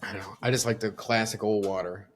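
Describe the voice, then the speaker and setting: A podcast co-host with a fairly low voice chats casually at a fast, steady clip. He swears, leans sarcastic, and thinks out loud, restarting his sentences a lot.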